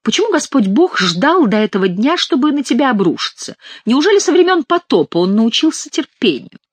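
A woman voicing a mocking, quick-witted male court jester in an audiobook. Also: high voice, very animated, husky, dry recording, voice pushed up, exaggerated voice. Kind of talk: audiobook character reading.

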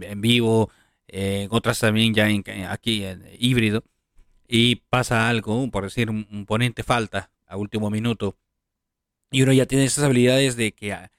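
A man's voice: fairly low pitch, steady tone, normal speed, no echo, clean studio sound. A man hosting a radio interview, rambling a bit as he shares thoughts with his guest. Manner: rambling, many fillers and restarts. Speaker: radio show host. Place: online radio studio.

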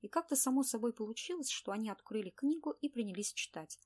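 A woman narrating an audiobook in an even, measured reading voice. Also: on the high side, breathy edge.

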